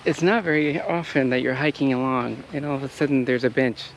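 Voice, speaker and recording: Gravelly man vlogging on a trail. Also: medium pitch, a little fast, slight background noise. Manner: relaxed, explanatory, with fillers. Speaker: travel vlogger. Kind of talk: casual hiking vlog chat. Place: outdoor wooded trail.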